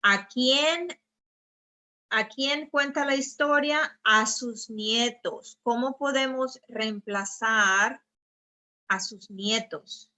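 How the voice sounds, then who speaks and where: Slow, bright-voiced woman teaching grammar. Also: on the high side. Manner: patient, explanatory, often checks with "¿verdad?". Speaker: Spanish teacher. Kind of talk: grammar lesson over slides.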